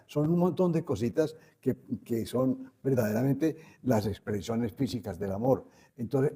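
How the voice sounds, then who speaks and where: A man's voice: mid-range voice, mellow, slightly rough. An older man speaking as a guest, earnestly teaching and repeating his key phrases. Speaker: guest speaker on spiritual growth. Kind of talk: reflective conversational teaching.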